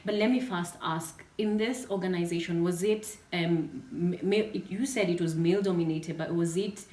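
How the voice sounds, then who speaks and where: A woman's voice: lowish voice, steady tone, moderate pace, a little mellow. Eager woman podcast host, a bit distant. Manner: eager, with constant backchannel "wow" and "yeah". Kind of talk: conversational podcast interview. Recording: echoey, distant from the mic.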